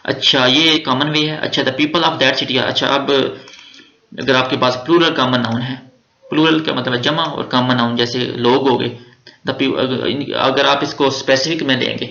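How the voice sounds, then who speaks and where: Gravelly Pakistani man teaching grammar. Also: medium pitch, fairly even intonation, normal speed, bright, forceful tone. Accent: Pakistani Urdu with Punjabi touches. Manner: chatty, explains step by step, joking asides. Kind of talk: exam-prep grammar lecture. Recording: roomy, dull lo-fi recording.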